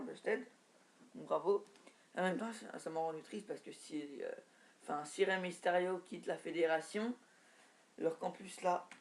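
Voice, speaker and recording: Hesitant man giving wrestling predictions. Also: on the high side. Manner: hesitant, halting, many fillers and restarts. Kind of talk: casual spoken predictions from notes.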